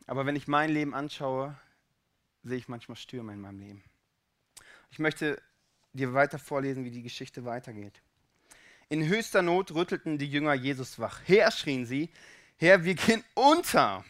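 A man preaching a casual, colloquial sermon, swinging between loud urgent pleas and quiet, intimate low passages. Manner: casual colloquial speech with fillers.

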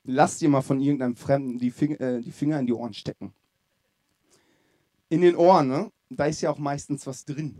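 A young man preaching a sermon in a lively, conversational storytelling way, asking his listeners direct questions. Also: mid-range voice, fairly quick.

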